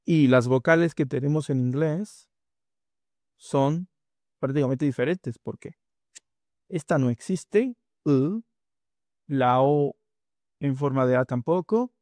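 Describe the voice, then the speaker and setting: A man teaching pronunciation in a spoken lesson, slowly drawing out and repeating vowel sounds for learners. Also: medium pitch, a little mellow, no room sound, clean studio sound. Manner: slow, drawn-out demonstrations of vowel sounds.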